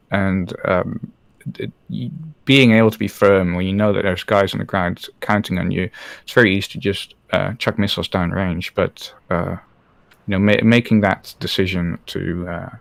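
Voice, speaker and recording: This Dutch man once flew Apache helicopters and is now a guest speaking frankly during a live-streamed interview, with lots of hesitant restarts. His low, somewhat creaky voice holds a fairly even intonation at a moderate pace, recorded with no audible room.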